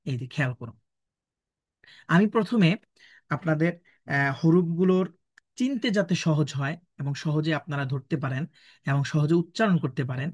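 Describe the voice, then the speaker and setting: A man teaching an online Quran recitation lesson, explaining patiently step by step and sounding out letters slowly one at a time. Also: on the high side, dry recording, studio quality.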